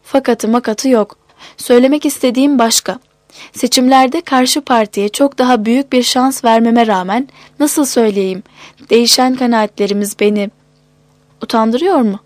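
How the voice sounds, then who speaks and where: A woman reading a brooding tipsy old-style gentleman. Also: a little high, steady tone, normal speed, no room sound, natural voice. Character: middle-aged Turkish gentleman, tipsy, ashamed.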